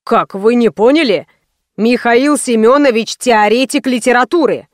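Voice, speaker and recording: A woman's voice: on the high side, normal speed, no echo, clean studio sound, lightly acted. A woman voicing a haughty, stern middle-aged woman writer who speaks in a cold, curt, disdainful way.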